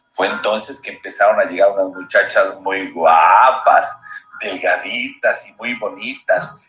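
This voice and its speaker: A man reading his own story aloud, expressive and slowing down for suspense. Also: mid-range voice. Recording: roomy echo with music bed.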